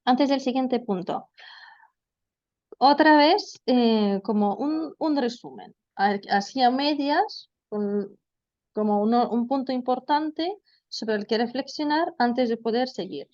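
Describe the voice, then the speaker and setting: Slow and fairly high-pitched, this woman's darkish voice is muffled in the recording. Lecturing trainee teachers online, she explains things patiently, speaks to them as vosotros, and leans on many fillers.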